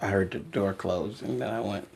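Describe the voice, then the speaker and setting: A man's voice: on the low side, normal speed, gravelly, noisy background. A middle-aged American man in unscripted reality TV talk, speaking firmly and insistently as a host parent. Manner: firm, insistent.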